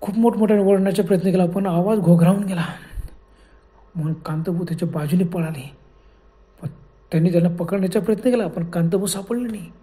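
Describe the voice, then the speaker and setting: A storyteller narrating a spooky ghost story dramatically, often dropping to a hush. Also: mid-range voice, fairly even intonation, fast talker. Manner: dramatic, with frequent hushed passages.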